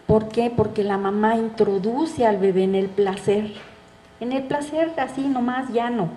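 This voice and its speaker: A woman's voice: fairly high pitch, measured pace, dark tone, echoey room, slight background noise, low-quality recording. A middle-aged woman, a psychoanalyst giving a public talk in a conversational way, often checking in with the audience through rhetorical questions. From Mexico. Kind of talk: public lecture. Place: bookstore event space.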